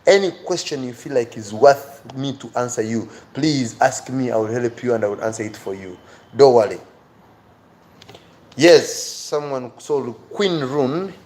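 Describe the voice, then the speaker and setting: Unhurried and lively in intonation, a man with a medium-pitched, darkish voice hosts a livestream lesson on English reading skills. As the online teacher, he repeats phrases with emphasis and urges his audience directly, pleading and encouraging them, against clear background noise.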